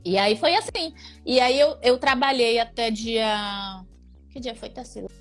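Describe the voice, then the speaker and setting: A woman's voice: a little high, measured pace, faint music behind. A young woman from Brazil with a Bahian accent, chatting casually as an interview guest and laughing often. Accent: Bahian Portuguese.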